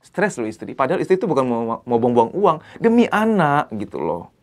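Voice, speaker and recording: Animated male psychologist lecturing. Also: medium pitch, a little fast. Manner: animated, acts out quoted dialogue in other voices; colloquial, emphatic "gitu loh" asides. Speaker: psychologist and therapist.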